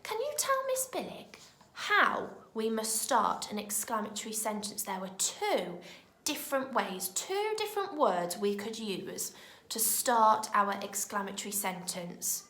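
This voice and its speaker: A woman teaching young children in a recorded lesson, with a British accent and a clear, expressive way of talking. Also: medium pitch, reverberant. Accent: British English. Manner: slow, clear and expressive, speaking to small children. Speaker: primary school teacher.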